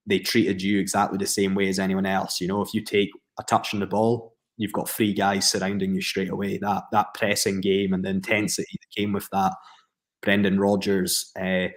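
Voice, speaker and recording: This podcast guest is a Scottish pro footballer who gives long, reflective answers in an even manner, peppered with fillers and restarts. His voice is low and hardly varies in pitch.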